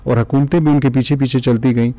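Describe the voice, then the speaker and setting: A man's voice: mid-range voice, fairly even intonation, mellow. A man from Pakistan, a guest on a podcast, speaking in a reflective, earnest way and mixing English phrases into his speech.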